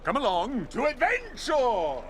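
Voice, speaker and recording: A man's voice: extremely high pitch, wildly swooping pitch, a little slow, heavily acted. A man playing a boastful old-fashioned explorer hero in a video game, pompous, theatrical and given to exclaiming. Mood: proud, exuberant. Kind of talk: video game character acting.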